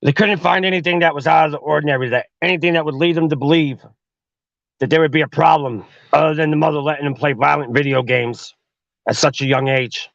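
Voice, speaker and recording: A man hosts a podcast and narrates a horror tale in a crude, profane, slangy manner. His voice is gravelly and a bit higher than most men's, recorded dry and close. The sound is dull and lo-fi. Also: steady tone, fairly quick, a bit bright, dry recording. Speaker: podcast host.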